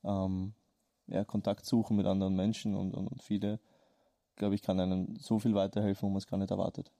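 A man's voice: low voice, level tone, fairly quick, vocal fry, dark tone, no room sound. A man co-hosting a casual podcast chat, talking hesitantly with many fillers. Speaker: podcast co-host.

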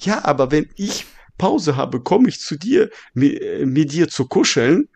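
A man's voice: on the high side, sing-song, a little slow, vocal fry, a little mellow, breathy edge. A man co-hosting a casual podcast chat, rambling and stumbling over his words as he tells a joke. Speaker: podcast co-host.

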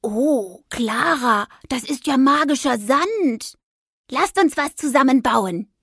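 A woman's voice: medium pitch, extremely slow, darkish tone, no echo, clean studio sound. A woman voicing a polite, eager male toy figure made of craft scraps in a children's audio story. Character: clever, polite male straw-limbed toy with a hat.

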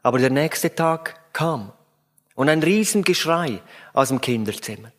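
A man's voice: fairly high pitch, animated, unhurried, fairly bright tone. A man preaching a sermon in an emphatic way, addressing his listeners directly.

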